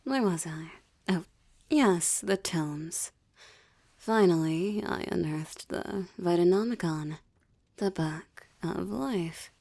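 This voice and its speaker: A woman voices a seductive demoness who smugly and theatrically gloats over a captive in an intimate roleplay scene. Slow and fairly low-pitched, her dark, mellow voice carries a gravelly creak and an exaggerated quality. Haughty teasing frequently gives way to breathy whispers.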